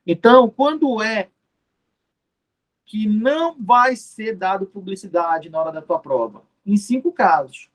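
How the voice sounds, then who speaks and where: A man's voice: high-pitched, animated, measured pace. A man giving an exam-prep law lecture, explaining step by step, repeating key terms and answering his own questions. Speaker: law teacher.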